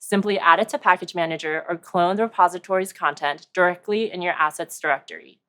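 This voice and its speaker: A woman presenting at a developer conference in a clear, steady, rehearsed delivery. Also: fairly low pitch, fast talker. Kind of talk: scripted product presentation.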